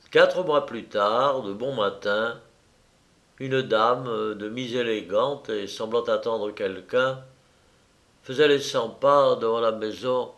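A man narrating a novel aloud in a measured reading style. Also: medium pitch, gravelly, fairly bright tone. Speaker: audiobook narrator. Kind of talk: scripted narration.

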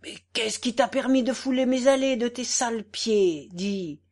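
A woman's voice: medium pitch, expressive, takes it slowly. Woman putting on a pompous bullying squire. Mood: furious. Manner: boastful, then furious and shouting, then fawning.

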